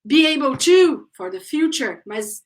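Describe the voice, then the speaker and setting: A woman's voice: high-pitched, animated, slow pace, poor audio. A Brazilian woman teaching English in a live online lesson, mixing English and Portuguese, explaining step by step and checking in with her students. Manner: speeds up when explaining in Portuguese.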